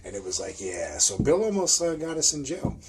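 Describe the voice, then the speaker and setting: A man's voice: medium pitch, sing-song, fairly quick, crowd noise. A man hosting a podcast, telling a rambling story with plenty of swearing. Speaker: podcast host. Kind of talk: casual storytelling chat.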